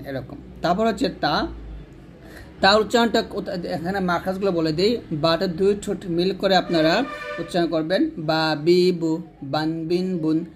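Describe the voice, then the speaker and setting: A man teaching Quran reading step by step, explaining quickly and then drilling each syllable slowly and clearly. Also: high voice. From Bangladesh. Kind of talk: step-by-step lesson.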